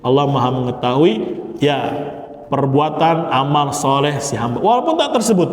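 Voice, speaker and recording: A man's voice: on the high side, a little mellow. A man teaching Arabic grammar in a mosque, explaining step by step with joking asides. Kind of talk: classroom lecture. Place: mosque hall. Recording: echoey hall with long reverb.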